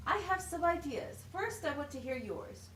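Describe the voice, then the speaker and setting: A woman voices an encouraging, methodical teacher in a scripted puppet show, patiently explaining in plain words and asking questions to guide the lesson. Her voice sits high, pushed up and a bit bright, very animated at a moderate pace. The recording is roomy, with a distant mic and faint noise.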